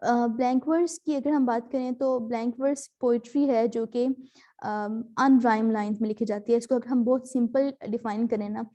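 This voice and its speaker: A woman with a fairly high, mellow voice teaches a class over a video call. She explains patiently and slips terms into her lesson. Her delivery is relaxed and full of small fillers. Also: moderate pace. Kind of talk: online class lecture.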